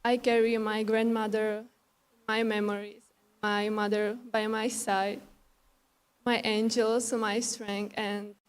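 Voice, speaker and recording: Earnest woman with a flat, even delivery. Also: fairly high pitch. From Czech Republic. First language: Czech. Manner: earnest, measured delivery with small grammar slips. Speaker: pageant contestant. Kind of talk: prepared speech.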